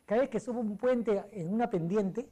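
Middle-aged Peruvian man, mellow storyteller. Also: sits high, normal speed. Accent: Peruvian Spanish. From Peru. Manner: rambling storyteller, many fillers and restarts. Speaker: guest, sports columnist. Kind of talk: casual interview chat.

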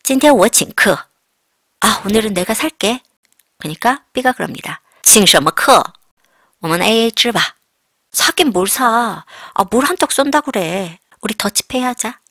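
Bright, lively woman teaching a language lesson. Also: a little high, measured pace, no room sound, studio quality. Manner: lively, acts out short everyday dialogues with playful sass. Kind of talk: classroom-style language lesson.

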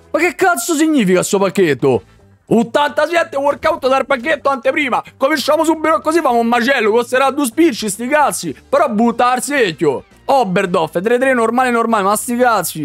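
Young male streamer, high voice, loud and profane, faint music under him. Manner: loud, swearing, shouts at big pulls. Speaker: gaming streamer. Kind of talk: excited pack-opening commentary.

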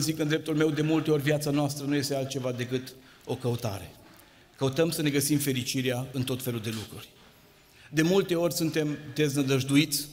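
A man's voice: mid-range voice, a little hiss or hum. A man preaching a sermon in a church, with an impassioned, sing-song delivery that rises and drops. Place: church hall. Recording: long hall reverb.

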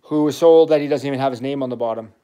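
A dad hosting a toy channel livestream talks very fast about toy trains with his kid, chatty and eager as he rambles. The middle-aged man's medium-pitched voice is mellow, and the sound is lo-fi.

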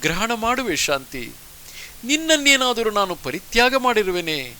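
A man's voice: high voice, big pitch swings, unhurried, sharp tone, slight background noise, full character voice. A man reading the lines of a torn young warrior monk in an audiobook, impassioned and declaiming. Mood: tender.

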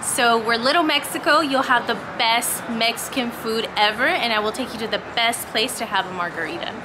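A woman's voice: on the high side, fairly quick, background noise. A woman from Texas giving a playful, proud introduction to camera outdoors among trees. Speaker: insurance agent. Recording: outdoor ambience.

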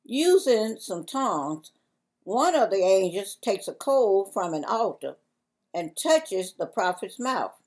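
An older woman with a Southern US accent, slowly and carefully reading a church devotion in a library on a lapel mic. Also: medium pitch, big pitch swings, a little mellow, low-quality recording. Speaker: devotion reader.

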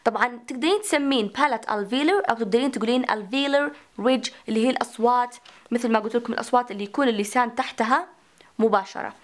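Woman lecturer, slightly high voice, talks herself through questions. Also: fast. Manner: mixes English terms into Arabic, asks and answers her own questions. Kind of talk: recorded phonetics lecture.

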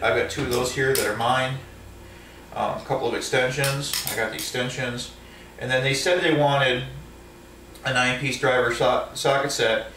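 In an echoey room at home, a truck driver casually walks through his tools, often restarting and saying um. The camera overhead sits a few feet away, so his medium-pitched voice, bright and forceful, comes across distant and a bit off mic with a slight hiss or hum.

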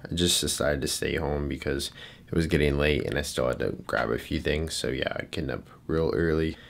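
A man talking casually to his vlog camera on the go, chatty and relaxed with lots of filler words. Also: a bass voice, brisk, gravelly, a little hiss or hum. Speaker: fitness vlogger. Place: on the go: home, car, mall, airport. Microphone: camera-mounted shotgun mic. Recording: background music mixed under voice.

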